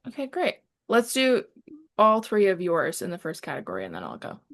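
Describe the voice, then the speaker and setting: A woman's voice: lowish voice, huge pitch swings, brisk, fairly bright tone, no echo. A woman co-hosting a podcast in casual chat, mostly giving short replies and dry quips. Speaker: podcast co-host.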